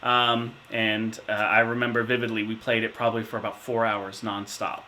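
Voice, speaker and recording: Bright-voiced man in his thirties. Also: on the low side, moderate pace, a little hiss or hum. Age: 30s. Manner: relaxed, reflective storytelling with many fillers. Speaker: interviewee, insurance manager. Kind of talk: casual interview answers.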